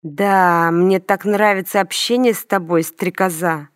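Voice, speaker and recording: A woman reading the lines of a menacing young male student with a hoarse, taunting voice. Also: lowish voice, fairly even intonation, unhurried, no echo, studio quality, close to an everyday voice.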